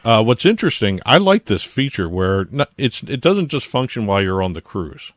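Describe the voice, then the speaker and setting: A man with a New Jersey accent talks casually as a podcast co-host, his voice sitting very low. He explains things at length, full of "uh" and "you know". The sound is dry and close. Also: sing-song, moderate pace, no echo. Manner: explains at length, chatty with fillers. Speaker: co-host, trademark attorney.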